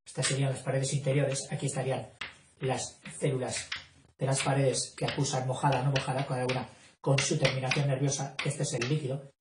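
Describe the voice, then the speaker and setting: A man's voice: mid-range voice, flat delivery, fairly quick, reverberant, background noise. A man giving an informal video lesson, explaining in a rambling, conversational way and often checking in with tag questions. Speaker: teacher.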